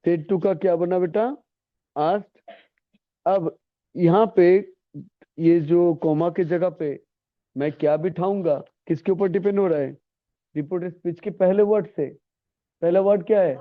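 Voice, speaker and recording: Male classroom teacher, high voice, coaxing and repetitive, tinny lo-fi recording. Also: a little slow, long pauses. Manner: coaxing, repetitive, calls students "beta". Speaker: English grammar teacher. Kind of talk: classroom lesson.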